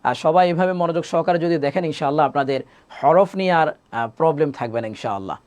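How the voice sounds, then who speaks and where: A man teaching a live online Quran class with a Bangladeshi Bengali accent, patiently drilling letters for students to repeat and gently encouraging them. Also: a little high, fast talker.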